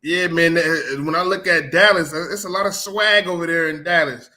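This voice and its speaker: A man co-hosting a sports talk show, emphatic and excited, often repeating himself. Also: fairly high pitch, normal speed.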